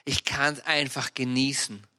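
A man with an Austrian accent preaching a sermon, telling personal stories in a lively, animated way with sudden loud outbursts. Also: medium pitch, measured pace. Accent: Austrian German.

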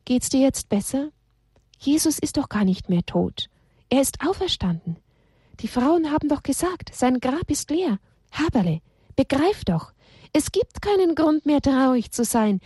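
A woman's voice: sits high, big pitch swings, unhurried, mellow, no echo, clean studio sound, voice pushed up. A woman voicing an eager, comforting animal companion in a storybook tale.

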